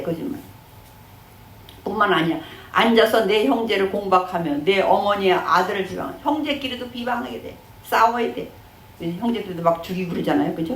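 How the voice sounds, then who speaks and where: Woman pastor preaching in a roomy hall. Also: medium pitch. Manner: conversational preaching with rhetorical questions and everyday examples. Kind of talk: sermon. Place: church sanctuary.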